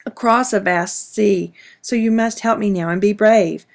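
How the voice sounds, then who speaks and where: A woman voicing a gentle storybook mother. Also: mid-range voice, steady tone, unhurried, vocal fry, voice pushed up. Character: warm devoted mother telling family stories.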